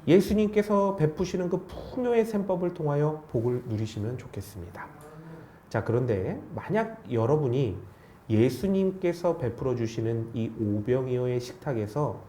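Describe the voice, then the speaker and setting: Male pastor, lively swinging delivery, dark mellow tone, echoey sanctuary sound. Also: mid-range voice, normal speed, slight background noise. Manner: animated preaching with rhetorical questions. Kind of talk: sermon. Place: church sanctuary. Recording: echoey church hall.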